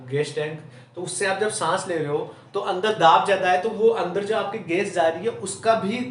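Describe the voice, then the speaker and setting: A male chemistry teacher from Rajasthan, giving a classroom lecture, asking rhetorical questions and answering them himself, ending almost every point with "theek hai". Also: high-pitched. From Rajasthan, India. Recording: roomy echo, mic at a distance.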